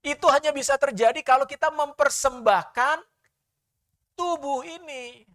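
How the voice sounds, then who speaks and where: Male pastor, lively sermon delivery with sharp swings in volume, questions his congregation. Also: very high voice, measured pace. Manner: animated preaching with sudden loud and soft swings.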